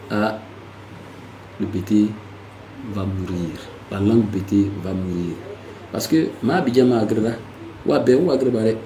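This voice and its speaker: A man hosting a casual language lesson, lively and repetitive, with playful asides. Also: lowish voice, echoey room, slight background noise, low-quality recording. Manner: lively, repeats words, slips into playful asides. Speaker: language teacher hosting a segment.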